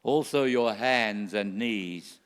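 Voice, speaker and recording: A man acting an unflappable, courteous old Santa Claus in a rhyming radio play, with a measured theatrical delivery. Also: lowish voice, clean tone. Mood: jovial welcome. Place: stage in a hall. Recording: hall with long reverb.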